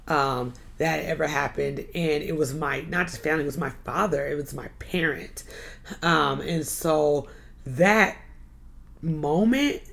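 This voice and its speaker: A woman's voice: low-pitched, gravelly. A young woman, a youth pastor, telling an earnest personal story on a podcast, often repeating and restarting her phrases.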